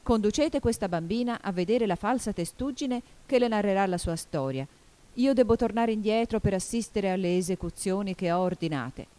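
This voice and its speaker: A woman voicing a furious, imperious queen who shouts her commands. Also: mid-range voice, lively intonation, moderate pace, pitched above the performer's own voice, natural voice.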